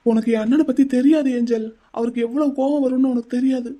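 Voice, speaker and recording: A man voicing a troubled young man in an animated drama, speaking earnestly and with distress. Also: extremely high pitch, quick pace.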